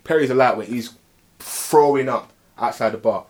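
A man with an urban London roadman accent and slang, telling anecdotes in animated, boastful group banter. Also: medium pitch, normal speed. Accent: London, urban street style (roadman).

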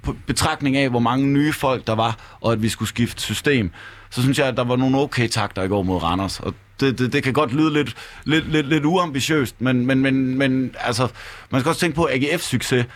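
En mand, der sludrer afslappet om fodbold og ofte gentager sine ord, når han leder efter dem. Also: male voice, medium pitch. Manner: stammering, repeats words. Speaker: football podcast panelist. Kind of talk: casual chat.

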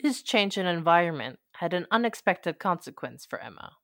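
This young French-speaking woman from Quebec, Canada narrates a scripted personal audio piece, reading her own reflective story in a fairly low, sing-song voice at normal speed. Her tone is a bit bright, and the recording is dry and clean, studio-grade.

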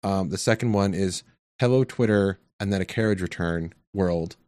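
A man with a low, deep voice works through quiz questions out loud in a relaxed tech chat. He hesitates, fills gaps with ums and talks himself toward an answer. His voice sounds dry and close, with no room echo. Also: normal speed. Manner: thinks aloud, hesitant, many ums. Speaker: quiz contestant.

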